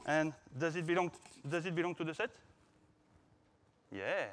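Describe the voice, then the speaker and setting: With a French accent and a fairly high, fairly bright voice at a moderate pace, a man in his thirties from France speaks playfully and informally to an audience. He's a software developer presenting on the stage of a large indoor conference hall.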